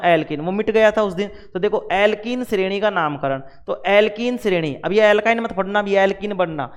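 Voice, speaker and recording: High-voiced man teaching in a reverberant room. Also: clean tone. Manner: repetitive, quizzing the class with questions. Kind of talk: blackboard revision lesson.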